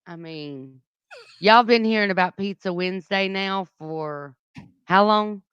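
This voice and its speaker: A woman's voice: medium pitch, unhurried, fairly bright tone, clean tone, no room sound, dull audio. Southern woman co-hosting morning radio. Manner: chatty, reads news then riffs casually. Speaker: radio co-host. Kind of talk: casual morning radio chat. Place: radio studio. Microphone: studio microphone.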